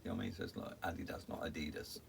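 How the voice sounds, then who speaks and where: A British man with a deep, low-pitched voice chats casually as a show co-host. He is picked up from a little way off the microphone, with some noise in the room. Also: steady tone, rapid-fire, vocal fry, a little mellow. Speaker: co-host of a whisky review show. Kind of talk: casual chat. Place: attic room. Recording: noisy room, distant from mic.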